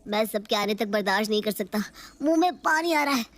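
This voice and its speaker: A woman's voice: medium pitch, lively intonation, a little fast, close to an everyday voice. A woman voicing a cheerful, hungry young husband in a cartoon story, playful in manner.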